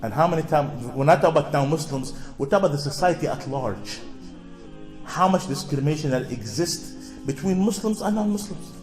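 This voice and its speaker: A man with a high voice lectures an audience, keeps asking questions and answering them himself, and calls for replies from the crowd. He often repeats words and restarts sentences. Soft music plays faintly underneath. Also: lively intonation, brisk. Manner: repetitive, with frequent restarts; draws responses from the audience. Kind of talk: public talk to an audience.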